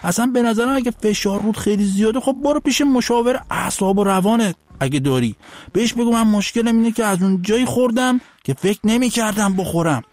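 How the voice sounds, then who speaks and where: High-voiced mocking male commentator. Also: darkish tone, no room sound. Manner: mocking, scolding, laughs and sings bits. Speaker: host. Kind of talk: sarcastic political commentary.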